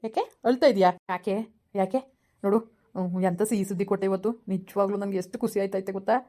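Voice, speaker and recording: A man's voice: high voice, steady tone, quick pace, dark tone, natural voice. A man, acting a caring, apologetic young husband who soothes his wife in a village skit. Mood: comforting. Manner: soothing, reassuring.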